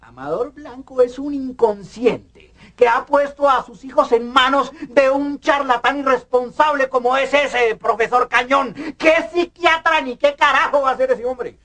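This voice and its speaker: A man's voice: extremely high pitch, a little slow, sharp tone, full character voice. An actor playing a controlling, indignant middle-aged father in a telenovela, scolding with sarcastic emphasis. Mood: dismissive, indignant. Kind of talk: telenovela acting. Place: furnished bedroom set, indoors.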